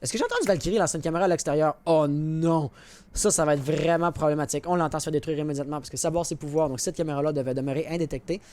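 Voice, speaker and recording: A man with a Quebec French accent casts an esports match live, racing along in a high-ish, slightly mellow voice. His commentary is informal and colloquial, peppered with English gaming slang and casual asides to chat. Video game gunfire and clicks are clearly audible in the background.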